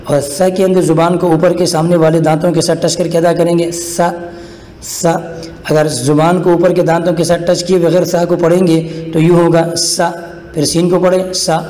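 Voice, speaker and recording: A man from Pakistan teaching a recorded lesson on reading Arabic letters, patient and slow as he draws out each letter sound. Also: a little high, level tone, warm tone, reverberant, big-room sound.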